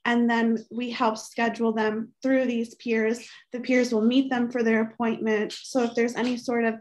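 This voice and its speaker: A woman's voice: a little high, level tone, moderate pace, darkish tone, poor audio. A young woman on a video call panel, earnestly explaining a community outreach program.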